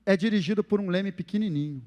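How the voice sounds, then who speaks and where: Man, pastor, Brazilian Portuguese accent, high voice, animated sermon, echoing church hall. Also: fast. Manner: animated preaching, acts out quoted phrases.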